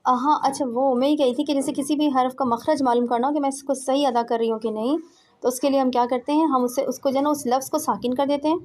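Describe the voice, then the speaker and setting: On a phone at home, a Quran pronunciation teacher gives an informal lesson, patiently demonstrating throat sounds step by step. Her voice is high-pitched and a little mellow, with fairly even intonation.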